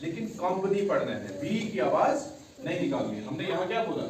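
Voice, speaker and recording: A man's voice: fairly high pitch, sing-song, brisk, far from the mic. A male teacher giving a classroom English lesson, repeating key words and quizzing his class. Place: echoey classroom. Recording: echoey room recorded from afar, noisy.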